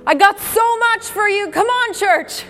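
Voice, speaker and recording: A woman's voice: very high-pitched, measured pace, pitched above the performer's own voice. A woman voicing a loving heavenly father who calls out eagerly and urgently, repeating the same plea. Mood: pleading. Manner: urgent, repetitive calling out. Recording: reverberant hall with soft music.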